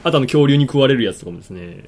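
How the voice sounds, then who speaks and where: A man telling a story in casual chat, acting out his own panicked shouts. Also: mid-range voice, lively intonation, racing, a crowd in the background.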